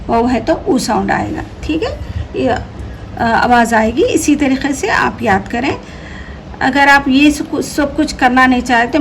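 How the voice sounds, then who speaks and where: A woman teaching an Urdu reading lesson, repeating each word slowly and patiently explaining how the letters sound. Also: high voice, vocal fry, a little hiss or hum, low-quality recording. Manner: slow drilled repetition of each word.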